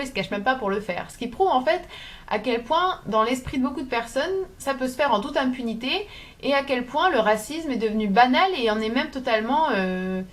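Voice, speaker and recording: A young woman from France talking casually to camera at home, thoughtful and halting, with many fillers and restarts. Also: on the high side. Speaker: video essayist.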